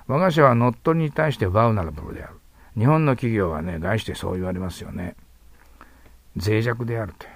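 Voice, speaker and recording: A man teaching English vocabulary as a lecture, explaining slowly and tagging his sentences with questions. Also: fairly low pitch, vocal fry, slightly rough, no echo.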